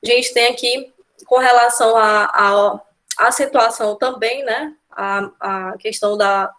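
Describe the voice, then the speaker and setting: Unhurried and a little high, her somewhat bright voice holds fairly even intonation as she teaches an exam-prep grammar lesson with a Brazilian accent. This Portuguese teacher explains each step and keeps asking "né?" and "tá?"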